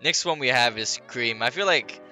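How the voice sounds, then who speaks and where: A young man hosting a casual gaming podcast, chatting in a laid-back way with plenty of fillers, his audio low in the mix. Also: animated, normal speed, bright, forceful tone. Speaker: podcast host. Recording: low-level voice with faint background music.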